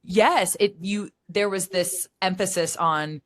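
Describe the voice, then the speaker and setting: A woman in her thirties co-hosts a podcast in easy, chatty conversation. Her voice sits low for a woman. The recording is close and dry, with almost no room sound. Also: takes it slowly, no room sound. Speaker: podcast co-host. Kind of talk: casual chat.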